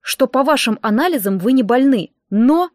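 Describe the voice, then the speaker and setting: A woman's voice: sits high, expressive, normal speed, darkish tone, no room sound, clean studio sound. A woman voicing a kindly, puzzled middle-aged male doctor who fumbles through hesitant explanations.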